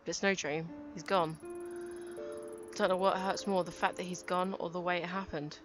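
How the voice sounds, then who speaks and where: A woman voicing a grieving young woman police detective, reading her inner monologue aloud in a low, halting way over game music. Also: steady tone, natural voice. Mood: somber.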